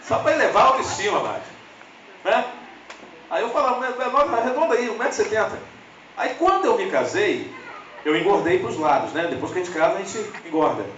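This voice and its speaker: A man's voice: muffled recording, a little hiss or hum. Brazilian guy preaching, telling funny stories to the church, a bit far from the mic, big echo. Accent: Brazilian Portuguese. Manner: chatty, jokey, addresses congregation directly; swings into lively high voices for quoted people. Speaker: lay preacher. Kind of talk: humorous storytelling sermon. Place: church sanctuary. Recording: echoey church hall, slightly distant.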